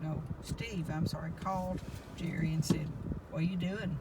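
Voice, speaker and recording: Loud vehicle noise surrounds an older woman. She sits a little way from the mic and tells a casual, folksy story, rambling along as she goes. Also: lowish voice, fairly even intonation, normal speed. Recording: loud car and road noise, distant mic.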